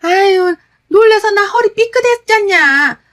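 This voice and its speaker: A woman voicing a cranky older mother-in-law who scolds loudly and whines in blame. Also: lively intonation, measured pace, full character voice. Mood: whining blame. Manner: shrill, loud scolding and complaining.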